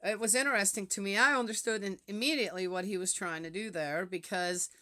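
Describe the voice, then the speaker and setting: A woman's voice: mid-range voice, fairly even intonation, quick pace, pushed and bright. A woman from Switzerland with a Swiss German accent, talking in a reflective, casual way with many fillers and restarts.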